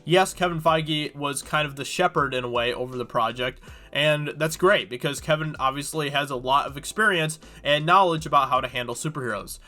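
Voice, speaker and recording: His voice is a little high, brisk, and sharp: a YouTube host with a cold, sounding congested. He chats casually about a news article he's reading, rambling and leaning heavily on fillers.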